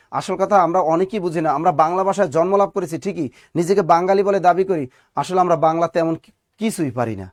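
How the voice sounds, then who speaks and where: A man's voice: high-pitched, no echo, studio quality. A man with a Bangladeshi Bengali accent teaching a live online exam-prep class, firing repeated questions at students and answering them himself, with scolding, preachy asides.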